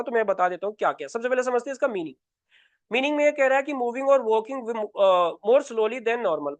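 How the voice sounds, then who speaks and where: A man's voice: very high voice, no room sound. A man with an Indian Hindi accent teaching vocabulary for exam preparation, often asking and answering his own questions. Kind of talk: Hindi exam-prep lesson, explaining words.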